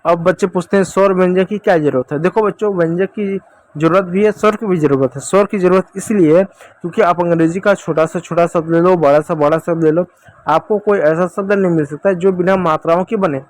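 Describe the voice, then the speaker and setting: Calling the kids "dear children" again and again, a man patiently teaches English phonics, posing questions and supplying the answers himself. He speaks a little fast in a high voice.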